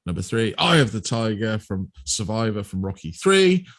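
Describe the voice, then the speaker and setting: A man co-hosts a casual podcast with a lowish voice. He is low-key and drily funny. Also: sing-song, normal speed. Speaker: podcast co-host. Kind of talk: casual chat.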